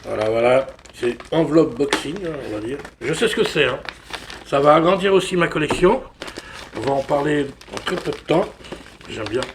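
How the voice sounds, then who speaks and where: A man's voice: mid-range voice, lively intonation, fairly quick, noisy background. A man from France chatting casually through an unboxing, rambling and constantly saying "voilà". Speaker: film collector vlogger.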